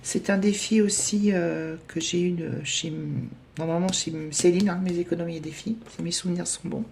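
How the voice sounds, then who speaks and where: A woman chatting casually as she fills in savings challenges, hesitating often and counting out loud. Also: fairly low pitch, fairly even intonation, moderate pace, creaky, a little hiss or hum. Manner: chatty, self-deprecating, lots of hesitations and counting aloud. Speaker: budget vlogger. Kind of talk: casual chat while doing savings challenges.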